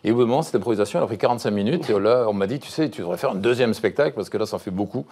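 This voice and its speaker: A middle-aged man chats as a guest on a TV show, rattling along quickly and restarting sentences as ideas tumble out. His voice sits low and warm-toned in plain conversation. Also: husky. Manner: lively, fast, restarts mid-sentence. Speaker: guest, musician and comedian. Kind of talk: casual TV interview.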